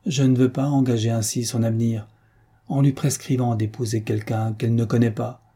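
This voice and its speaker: A man voicing a gravely ill, grieving noble mother in an audiobook, weak and pleading. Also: mid-range voice, fairly even intonation, moderate pace, mellow, natural voice. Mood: weary.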